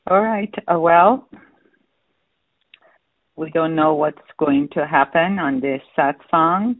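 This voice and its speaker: Slow-talking host on a tinny call. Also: male voice, fairly high pitch, no room sound. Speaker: chat host. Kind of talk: casual group chat. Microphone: online call. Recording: tinny phone-like line.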